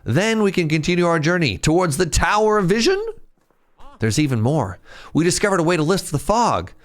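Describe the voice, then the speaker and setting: A man voicing an eager young male advisor in a high, squeaky chipmunk voice while reading game dialogue aloud. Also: sing-song, fairly quick. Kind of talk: let's play voice acting.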